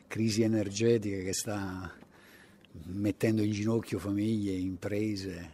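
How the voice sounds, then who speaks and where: A man's voice: fairly low pitch, flat delivery, measured pace, mellow, slight background noise. A man doing vox-pop interviews for radio in a chatty, teasing way. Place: outdoors in city streets.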